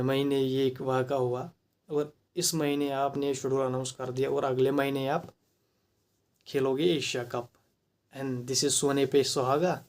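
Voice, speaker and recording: A man's voice: mid-range voice, a little mellow. A man with a Kashmiri accent giving a heated, rhetorical opinion monologue, mixing English phrases into his talk. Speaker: commentator.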